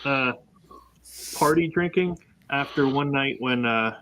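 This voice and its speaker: A man from Pennsylvania hosting a casual chat, relaxed and asking the group questions. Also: mid-range voice, slow, slight background noise, rough recording. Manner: easygoing, asks the panel questions.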